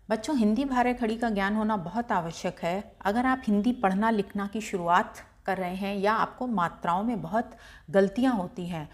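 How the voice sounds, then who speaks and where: A woman teaching children, speaking each syllable slowly and clearly for them to repeat. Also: mid-range voice. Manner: slow, carefully drawn-out syllables for pupils to repeat. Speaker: Hindi teacher. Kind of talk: slow, clear lesson for children.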